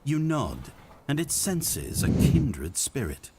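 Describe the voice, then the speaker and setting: A man reading a game's story text aloud with an expressive storytelling delivery. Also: medium pitch, slow. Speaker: game narrator.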